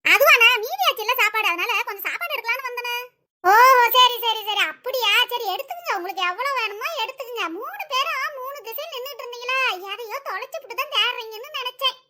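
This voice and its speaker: A woman voicing several teasing, scolding village women in an animated comedy. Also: very high-pitched, fast, very noisy. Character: nosy teasing village women at a wedding feast.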